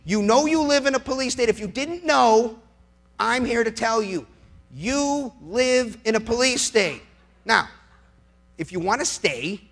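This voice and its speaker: A middle-aged lawyer gives an impassioned political speech, emphatic and sarcastic, full of rhetorical questions and repeated phrases. His voice sits high, creaky, and a bit bright.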